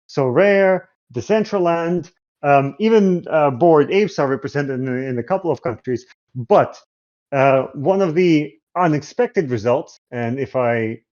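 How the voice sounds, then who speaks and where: A man's voice: fairly high pitch, a little mellow, muffled recording. A man in a casual discussion, explaining findings with frequent hesitations. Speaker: guest analyst.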